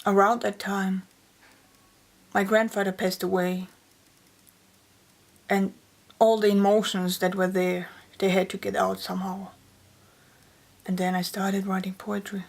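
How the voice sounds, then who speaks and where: Soft-spoken woman, flat delivery. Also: medium pitch, a little slow, gravelly, pauses often. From Austria. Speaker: poet and author. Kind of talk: personal interview storytelling.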